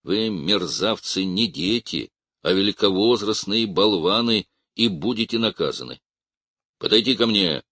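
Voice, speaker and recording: A man's voice: lowish voice, lively intonation, unhurried, fairly bright tone, no room sound, heavily acted. A man voicing an angry, commanding army captain who barks curt, scornful orders. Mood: furious shouting.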